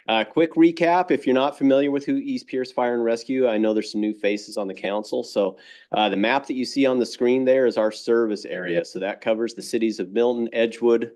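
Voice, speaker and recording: A middle-aged man, a fire chief, giving a brisk, plain-spoken presentation full of figures to a city council. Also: fairly low pitch, a little mellow. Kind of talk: public presentation. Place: council chamber.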